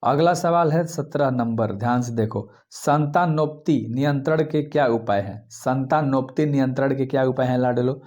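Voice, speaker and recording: A man with a Bihari Hindi accent teaching exam questions quickly, repeating answers and coaxing his students. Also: medium pitch, darkish tone. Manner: fast, repetitive, coaxing students.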